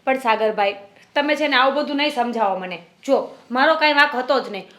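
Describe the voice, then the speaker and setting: A young woman acting a touchy, sharp-tongued sister-in-law who defends her fight with a neighbour, in a family drama. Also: high voice, brisk. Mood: defensive. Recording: roomy echo.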